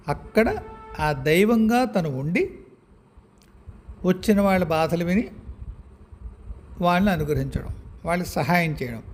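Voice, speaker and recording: A man giving a reflective spiritual talk, measured, pausing often and correcting himself, with English words mixed in. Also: sits high, a little hiss or hum. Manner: measured, with many pauses and self-corrections; mixes English words into speech.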